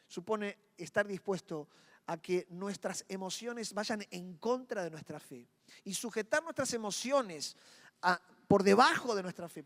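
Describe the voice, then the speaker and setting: A male pastor with a Rioplatense Spanish accent delivers a dramatic sermon, acting out inner voices as he drops into quiet moments and rises to loud ones. His voice is high-pitched, and the sound fills a big room.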